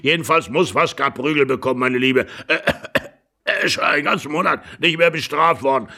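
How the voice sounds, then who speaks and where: A man voicing a fussy, excitable old husband who blusters hoarsely and shouts in agitation. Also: on the high side, brisk, voice pushed up, heavily acted. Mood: flustered alarm.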